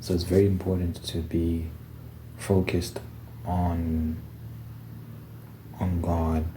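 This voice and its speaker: A man's voice: deep voice, level tone, takes it slowly, warm tone, low-quality recording. A man giving a casual, reflective personal monologue, thinking aloud in short phrases as a vlogger. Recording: noticeable background noise.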